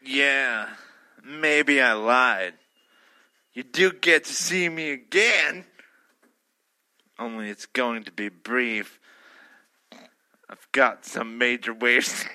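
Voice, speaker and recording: A man voicing a cocky, murderous surfing villain in a cartoonish style, with slow, theatrical menace. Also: mid-range voice, lively intonation, pushed and bright, voice pushed down, exaggerated voice. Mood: menacing.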